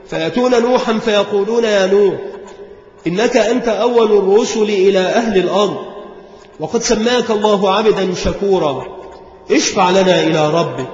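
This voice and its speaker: A man's voice: sits high, a little mellow. A man teaching a religious lesson, narrating a hadith in an earnest preaching cadence. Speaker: Islamic scholar teaching a creed text. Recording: echoey hall, dull lo-fi recording.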